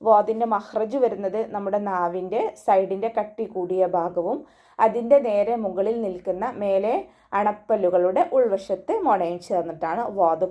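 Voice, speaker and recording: A woman with a Malayali accent leads an online recitation class. She explains each rule in a patient, even tone, then breaks into slow, drawn-out chanting of the verses. Her voice sits at a middle pitch. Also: lo-fi sound. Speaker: Quran recitation teacher. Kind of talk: tajweed lesson with chanted recitation.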